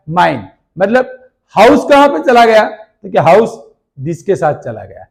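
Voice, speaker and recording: High-voiced man teaching grammar. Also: gravelly. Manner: repeats questions and answers them himself, slow drawn-out examples. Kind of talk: explaining grammar at a board.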